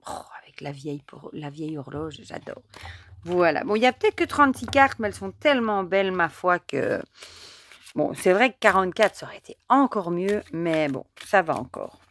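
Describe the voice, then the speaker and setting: A chatty woman talks through an oracle card deck at a relaxed, conversational pace, full of little fillers and bursts of enthusiasm. Her voice sits fairly low for a woman. It is recorded close and dry, with almost no room sound. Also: moderate pace, dry recording. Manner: chatty, enthusiastic, many fillers like euh and du coup. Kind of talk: casual card deck review with reading aloud.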